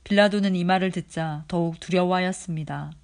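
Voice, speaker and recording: A reader giving a steady, measured daily scripture reading. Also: mid-range voice, gravelly. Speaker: Bible reader.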